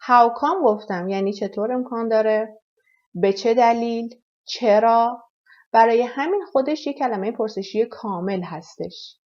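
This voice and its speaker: A woman giving an English lesson. She says each English phrase slowly and clearly and then explains it quickly. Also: on the high side. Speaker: English teacher. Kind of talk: language lesson, slow model sentences. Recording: slightly dull, lo-fi sound.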